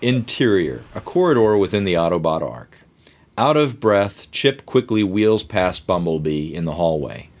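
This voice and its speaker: A man narrating a comic script panel by panel in a low, deep voice. His delivery is brisk and animated, with a wide pitch range as he reads the scene directions. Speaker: host and narrator. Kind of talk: reading a comic script aloud.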